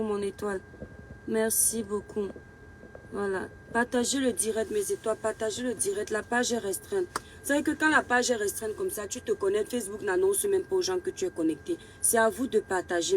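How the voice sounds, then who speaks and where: A woman hosting a casual live stream, warmly greeting viewers one by one and urging them to share. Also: medium pitch, slight background noise. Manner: greets viewers by name, affectionate.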